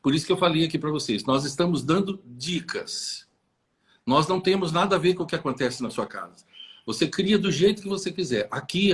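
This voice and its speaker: A man with a Brazilian Portuguese accent, co-hosting a casual chat and giving parenting tips in a blunt, firm, forthright way. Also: on the high side.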